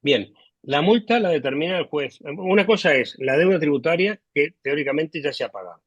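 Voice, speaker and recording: Man, low quality stream, dull lo-fi call sound, dry close audio, measured legal explainer, hesitant fillers. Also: expressive, slightly rough, dry recording. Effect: low quality stream audio, connection dropping. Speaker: legal expert guest. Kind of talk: explaining law in a remote interview. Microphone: video call.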